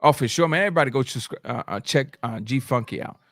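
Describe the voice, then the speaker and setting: A man hosts a live boxing commentary stream, speaking bluntly in casual slang and repeating phrases to drive points home while he calls the action and answers chat comments. His medium-pitched voice is fast and a little bright, recorded in studio quality with no echo.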